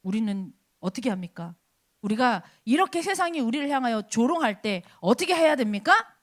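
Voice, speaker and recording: A woman's voice: on the high side, big pitch swings, fairly quick. A woman preacher giving an emphatic sermon at a church service, repeating her points through rhetorical questions.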